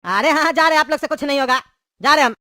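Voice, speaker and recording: Fed-up villager in his forties, grumbling cartoon voice, quick, played by a woman. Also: high-pitched, sharp tone, dry recording, clean studio sound. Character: fed-up middle-aged village man.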